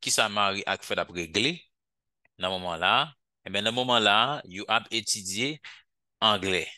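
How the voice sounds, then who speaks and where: Male English teacher, low bright voice, close dry sound, slow repeated drills. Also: no echo. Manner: drills English phrases slowly, asks "ok?" often. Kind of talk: language lesson.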